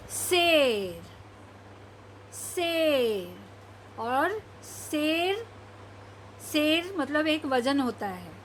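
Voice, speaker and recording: A woman teaching a children's reading lesson, stretching each word out slowly and then explaining its meaning to the class. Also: sits high, fairly bright tone, slight background noise. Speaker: primary school Hindi teacher.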